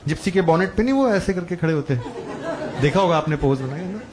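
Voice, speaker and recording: Young male comic, slightly high voice, chatty crude stand-up, live club crowd roaring behind him. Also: lively intonation, fast. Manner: conversational storytelling, crude punchlines. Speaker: stand-up comedian. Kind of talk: stand-up comedy set. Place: comedy club stage with live audience. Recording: loud crowd laughter and room noise. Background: audience laughing.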